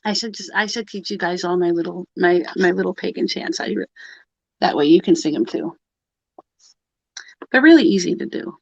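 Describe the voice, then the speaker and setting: Husky and on the low side, her voice has vocal fry and a darkish tone, and she pauses often while keeping a moderate pace. She's one of the women co-hosting a pagan livestream, chatting loosely and laughing a lot in a live video-call group chat. The sound is dry and dull.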